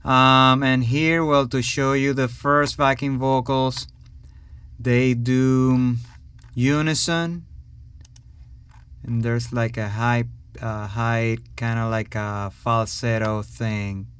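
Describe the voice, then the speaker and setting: A man hosting a home recording tutorial, talking casually with many pauses and fillers. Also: medium pitch, clear, resonant tone, no echo. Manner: relaxed, hesitant, many fillers. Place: home studio.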